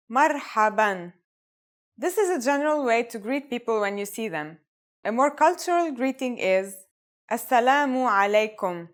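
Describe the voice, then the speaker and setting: A young woman with a fairly high voice hosts a scripted language lesson. She speaks at a measured pace and carefully pronounces and repeats each phrase. She was recorded in an indoor studio. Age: young adult.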